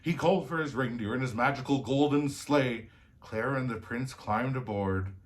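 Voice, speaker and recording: A man's voice: mid-range voice, close to an everyday voice. A man playing a jolly old Santa Claus, telling children's stories in a hearty, theatrical manner. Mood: storytelling wonder. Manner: slow, hearty, theatrical delivery. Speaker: storyteller host. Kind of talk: cheerful children's storybook reading.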